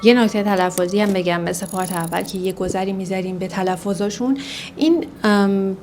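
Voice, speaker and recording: Iranian woman teaching, mid pitch, careful and patient. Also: a little mellow, slight background noise. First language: Persian. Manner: explains slowly, repeats phrases in English. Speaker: English teacher. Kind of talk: language lesson explaining phrases.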